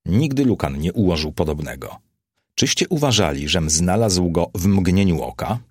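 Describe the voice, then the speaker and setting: A man's voice: deep voice, animated, normal speed, darkish tone, breathy edge, dry recording, clean studio sound. A man voicing a capricious, vain Roman emperor who declaims theatrically.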